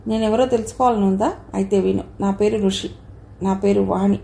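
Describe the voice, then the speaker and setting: Brief: a taunting vengeful ghost, read by a woman narrator, dark and gravelly, echoing. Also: medium pitch, steady tone, moderate pace, natural voice. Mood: menacing. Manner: menacing, taunting. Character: vengeful spirit, menacing and cold.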